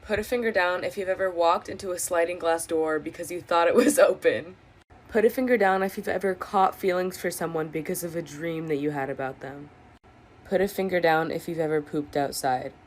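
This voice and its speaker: A woman's voice: lowish voice, a little fast, slight background noise. A woman reading out challenge prompts in a playful, amused way.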